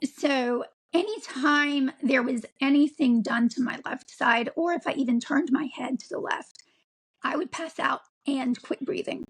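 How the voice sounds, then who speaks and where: A woman of forty, an interview guest, telling her own story in a halting way with frequent ums and restarts. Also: sits high, poor audio. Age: 40s. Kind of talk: candid personal account.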